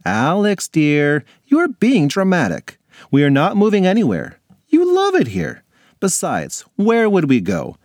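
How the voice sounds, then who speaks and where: A fussy, theatrical mother, as a man voices her, talks with exasperated flair. The voice is pushed high and swoops widely. The sound is close and dry. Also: wildly swooping pitch, a little slow, darkish tone, dry recording, exaggerated voice. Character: fussy, dramatic grown woman, a mother.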